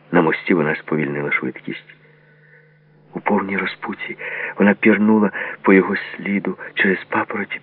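A man with an extremely low, gravelly voice narrates a novel in a measured, literary way. The audio is thin and tinny, like a phone line. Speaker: audiobook reader.

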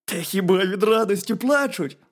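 A storyteller voicing a lively, kind little hedgehog who cheers up his sad friend in a storybook tale. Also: mid-range voice, moderate pace, pitched above the performer's own voice, lightly acted. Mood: coaxing. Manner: coaxing, upbeat, exclaiming. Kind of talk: storybook reading.

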